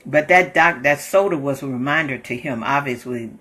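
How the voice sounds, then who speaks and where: Bright lively voice, kinda husky, laughs a lot telling a story, repeats stuff. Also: mid-range voice, moderate pace. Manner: laughs often while retelling a story; repeats and restarts phrases. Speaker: host sharing inspirational thoughts. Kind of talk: casual storytelling monologue.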